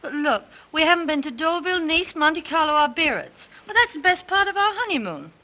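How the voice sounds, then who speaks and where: An actress playing a pampered, willful young bride in a 1930s film, insistent and coaxing. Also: female voice, high voice, very animated, a little fast, bright, forceful tone, heavily acted. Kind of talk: early 1930s film acting.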